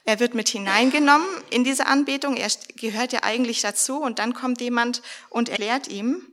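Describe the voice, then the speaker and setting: A woman's voice: on the high side, a little fast, fairly bright tone. A woman preaching a sermon in a church, earnest and speaking straight to the congregation. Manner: earnest, addresses the congregation directly.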